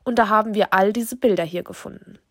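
A composed female detective presses her questions in a level, matter-of-fact way, as a woman narrator reads her. The voice is mid-pitched and dry, close to the mic with no room sound. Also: fast, fairly bright tone, no echo, close to an everyday voice. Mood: sober, probing. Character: composed female police detective, sober and exacting.

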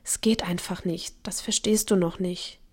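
A woman voicing a gentle, guilty father who speaks softly and sighs as he says goodbye to his daughter in an audiobook. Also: high-pitched, steady tone, moderate pace, husky, in a whisper. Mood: resigned. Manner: soft, sighing, apologetic.

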